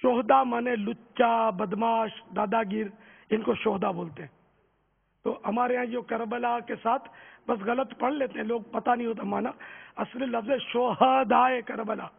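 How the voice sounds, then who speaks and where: A man's voice: extremely high pitch, fairly even intonation, vocal fry, breathy edge, big-room sound. An older man, a religious scholar, explaining answers and correcting pronunciation on a quiz show. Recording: tinny phone-like broadcast audio.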